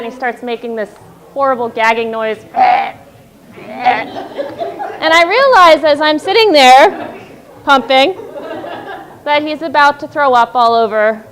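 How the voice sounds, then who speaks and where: Her voice pitched high and projected loudly, a thirty-something woman spins a wry story at her own expense at a live storytelling event.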